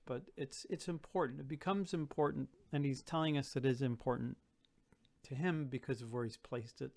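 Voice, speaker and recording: A man teaching a song lesson, thinking aloud and reciting verse lines slowly with careful stress. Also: medium pitch, darkish tone. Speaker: Gaelic song tutor. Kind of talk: relaxed spoken lesson with slow recitation.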